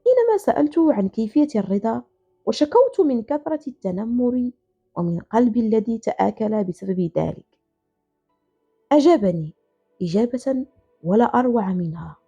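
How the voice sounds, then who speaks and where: A woman tells a first-person bedtime story in an earnest, emotional narration. Her voice sits high and swings widely, with a husky, mellow tone. The recording is slightly dull, with faint music underneath.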